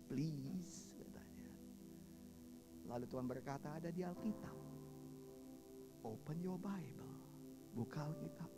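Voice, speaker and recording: A man preaching a sermon as pastor in a large church, shouting at climaxes and joking with the congregation. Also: on the high side. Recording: live church hall reverb with music.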